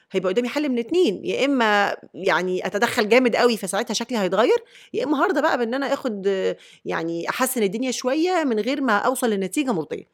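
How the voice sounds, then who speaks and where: A woman with an Egyptian accent, a skin doctor, explaining treatments in an emphatic way with rhetorical questions in a casual podcast chat. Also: a little high. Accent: Egyptian Arabic. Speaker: dermatologist guest.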